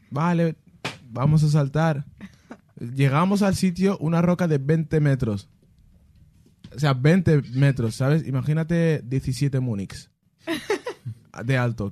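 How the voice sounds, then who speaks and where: Guy w a warm low-ish voice telling funny stories, laughs a lot, does sound effects, dry close sound. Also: no echo. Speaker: musician answering fan questions. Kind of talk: casual storytelling.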